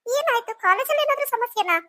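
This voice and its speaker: Give me a woman playing a fussing sister-in-law in a cartoon, bright and high. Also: lively intonation, fast, no echo. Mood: worried. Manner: coaxing, fussing. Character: caring sister-in-law, worried and coaxing.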